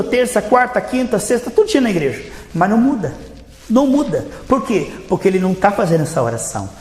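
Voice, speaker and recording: A man's voice: sits high, darkish tone. A man with a Brazilian Portuguese accent preaching a sermon as a pastor, emphatic and repeating phrases for effect. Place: church hall during a service. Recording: reverberant church hall.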